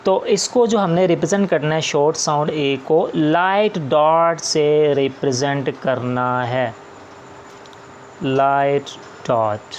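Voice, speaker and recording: A man's voice: a little high, unhurried, hardly any pauses, muffled recording, a little hiss or hum. A man teaching shorthand step by step, patient and repetitive, often opening with "ji". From Pakistan. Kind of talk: slow step-by-step classroom explanation.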